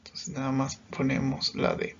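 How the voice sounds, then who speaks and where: A man gives a recorded grammar lesson, walking through each rule slowly and patiently. His voice sits at a middle pitch. The recording is dull and lo-fi. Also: completely flat delivery, creaky, slight background noise. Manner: patient, explains step by step, often checks with "¿sí?". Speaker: English teacher.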